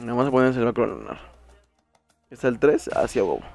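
A young man with a Mexican accent giving casual commentary while playing a video game, swearing and shouting in frustration. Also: mid-range voice, big pitch swings, quick pace, gravelly. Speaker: gameplay streamer. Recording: faint game music behind.

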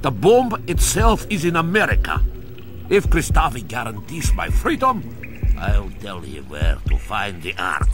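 An actor playing a shrewd, evasive captive who bargains defiantly in a video game. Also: male voice, lowish voice, wildly swooping pitch, a little slow, music in the background. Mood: sly, bargaining. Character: shrewd captive man bargaining for his freedom. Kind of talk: video game cutscene acting.

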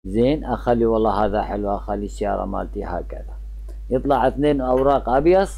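A relaxed man with an Iraqi accent chats his way through a gameplay commentary, his voice warm and mellow. He talks in an easygoing way, often cutting words short and restarting as he goes. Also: lowish voice, fast talker, gravelly, low-quality recording. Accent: Iraqi Arabic. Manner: chatty, easygoing, often trailing off mid-word. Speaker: gaming channel host.

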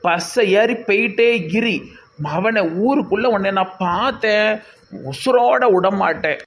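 Cartoon panchayat leader voiced by a man, Tirunelveli Tamil, high-pitched and stern. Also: measured pace, fairly bright tone. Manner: commanding, threatening. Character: stern middle-aged village panchayat leader.

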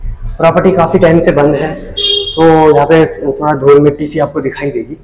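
A young man hosting a real estate channel, giving an upbeat sales pitch as he walks a street and an empty shop, with short pauses between phrases. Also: flat delivery, mellow, dull audio, slight background noise. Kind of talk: property walkthrough narration.

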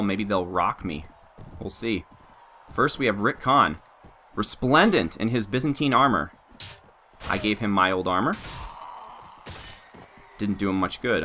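A man hosting a let's play talks in a lowish voice at a measured pace, pausing often, with slight background noise. He's mildly ill, a little nasal and sore-throated, yet keeps the commentary joking. Animated, he addresses both his troops and his viewers.

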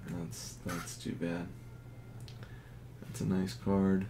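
Male collector, low-key and unhurried, casual unboxing talk over a noisy background. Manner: slow, low-key commentary, grades read in a flat list. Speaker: card collector. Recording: audible background noise.

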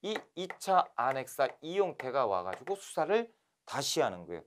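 A man from Korea giving a lively history lecture for exam candidates, telling the events as animated stories. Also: medium pitch, normal speed. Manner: animated storytelling, acting out scenes. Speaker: history instructor.

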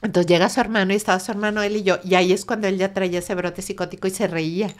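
A middle-aged Mexican woman, an interview guest, telling a painful personal story in a soft, halting voice that often sinks to a near whisper. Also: medium pitch, steady tone. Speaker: interview guest, bereaved mother. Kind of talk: emotional personal testimony.

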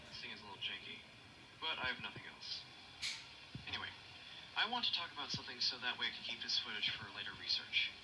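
A man speaking a found-footage monologue, recorded on an old VHS tape, calm and sometimes dropping to a whisper. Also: mid-range voice. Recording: hissy, distant camcorder sound.

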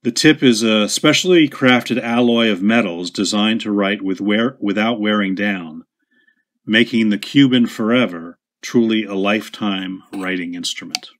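A man casually demonstrating a writing instrument at his desk, chatty and unhurried, with small asides and self-corrections. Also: lowish voice, a little hiss or hum. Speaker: pen shop owner demonstrating a product.

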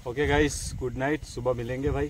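Young guy joking around with friends at a night campsite, slightly high voice, lots of outdoor noise. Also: animated, a little fast. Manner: laughing, playful teasing. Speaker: vlogger. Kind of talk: casual chat with friends.

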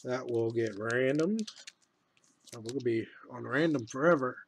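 A man hosting a live sports card break, announcing each card pulled with a slow, loud build and casual laughing asides. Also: mid-range voice, gravelly, a little hiss or hum, rough recording.

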